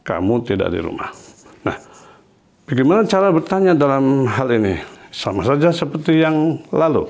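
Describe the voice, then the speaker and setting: A man teaches a language class, speaking patiently and going over every example more than once. His voice sits at an ordinary middle pitch, and he explains step by step at a whiteboard. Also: sing-song, darkish tone. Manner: patient, explains slowly with repetition. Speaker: Spanish teacher.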